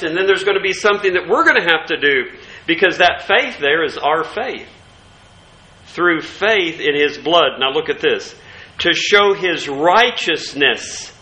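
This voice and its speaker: A man preaching a sermon in an earnest, emphatic way, slowing down to stress key words. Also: high-pitched, pushed and bright, roomy sound, rough recording.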